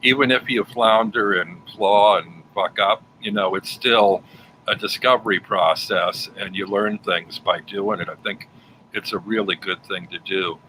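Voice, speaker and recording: A man's voice: lowish voice, steady tone, unhurried, pushed and bright, poor audio. A man hosting a livestream and chatting casually with his guest and viewers. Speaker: livestream host. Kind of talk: casual chat. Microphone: home livestream setup. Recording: faint background noise.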